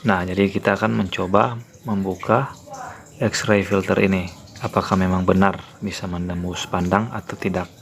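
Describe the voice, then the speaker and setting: A man's voice: low-pitched, flat delivery, normal speed, creaky. A man hosting a tutorial channel, walking viewers through a phone app in a plain explanatory way. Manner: plain explanatory, repeats "ya, teman-teman" fillers.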